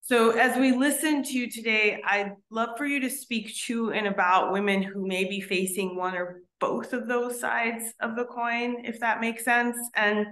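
A woman hosting a webinar interview over a video call, framing her questions in a measured, polite way. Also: on the high side, fairly even intonation, fairly bright tone. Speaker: webinar host. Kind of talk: interview moderation. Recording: echoey room on video call.

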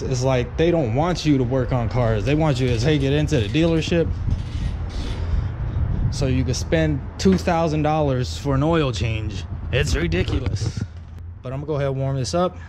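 A man at a mid pitch talks casually as he wires gauges into a car. He grumbles a little as he goes, and steady outdoor noise sits clearly behind him. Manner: relaxed, grumbling about tight engine bays. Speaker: vlogger installing car gauges. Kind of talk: casual talk while working on a car.

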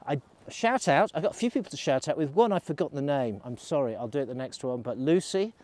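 Filming himself at arm's length on a selfie camera, a middle-aged man rambles chattily in a casual vlog from a snowy ski slope. He speaks fast in an expressive, fairly high voice with a darkish tone, and there's no echo.

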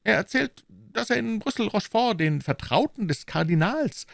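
A man's voice: high voice, animated, moderate pace, gravelly, no room sound, clean studio sound, voice pushed up. A man reading aloud and voicing a gossiping male musketeer, eager and chatty.

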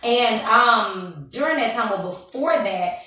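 A woman in her thirties, a radio host and worship leader, chatting as a guest in an animated, laughing way in a studio, at a stand mic filmed from across the room. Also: on the high side, slow pace, recorded from a distance. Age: 30s. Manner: animated, laughing, churchy exclamations. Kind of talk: lively radio interview chat. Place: radio studio, seated on couch. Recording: echoey room, voice from afar.

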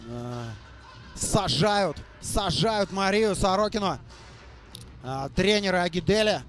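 High-voiced man calling live hockey. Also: expressive, faint music behind. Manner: halting, repeats phrases for emphasis. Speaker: hockey commentator. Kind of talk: live play-by-play sports commentary.

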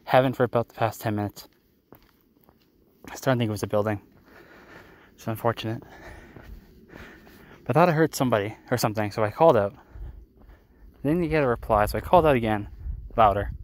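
In this casual night hike vlog, a young Canadian man speaks fairly quickly in a medium-pitched voice, broken by long pauses. Filming on his phone as he walks the desert trail, he rambles self-deprecatingly and is tired and somewhat out of breath.

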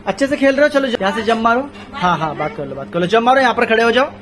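A man's voice: extremely high pitch, expressive, fast talker, crowd noise. A young man chatting casually in a family vlog, playfully teasing his baby son. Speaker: family vlogger. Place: small home during rain. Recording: noisy phone recording.

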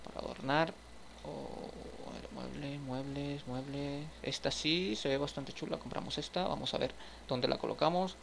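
A man's voice: fairly high pitch, fairly even intonation, moderate pace, creaky, fairly bright tone, a little hiss or hum. A man giving casual gameplay commentary, chatting to his viewers as he furnishes a house in a game. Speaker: gaming streamer.

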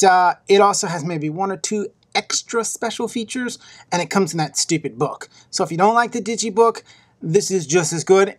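A man's voice: sits high, fairly bright tone, no room sound, studio quality. A young man casually reviewing a movie on Blu-ray, swearing and joking and dropping into silly voices. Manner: profane, jokey, slips into silly put-on voices.

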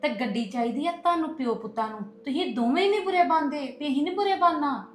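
A woman's voice: high voice, expressive, quick pace, slight background noise. An actress playing a tired mother-in-law who soothes and argues back. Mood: defensive. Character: placating older mother, weary and defensive. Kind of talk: web drama acting. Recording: echoey room.

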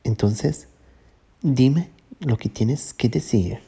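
A woman's voice: extremely low pitch, drawn-out words, vocal fry, dark tone, breathy edge, exaggerated voice. A woman voicing an upset teenage girl who demands the truth, read aloud plainly.

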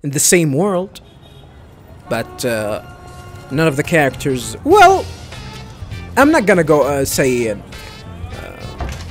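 A man hosts a let's play and comments casually on the game as he goes. He talks slowly, with a lot of fillers, but his pitch swings widely. There is faint music underneath. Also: wildly swooping pitch. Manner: rambling, with many fillers and jokey asides.

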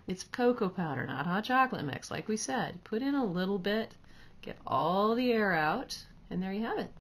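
In a home kitchen, a woman in her thirties chats cheerfully while demonstrating, narrating what she does for a camera sitting at counter distance. Her voice is mid-range, with lively intonation and a normal speed.

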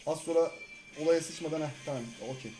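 A young man in his twenties giving live gameplay commentary, excitable and often exasperated at his teammates. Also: fairly high pitch, a little fast, soft background music. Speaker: gaming YouTuber.

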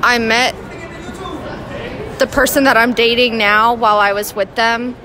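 A woman's voice: on the high side, fairly even intonation, unhurried. A teenage girl candidly answering a mall street interview. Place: indoor shopping mall. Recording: noisy mall crowd.

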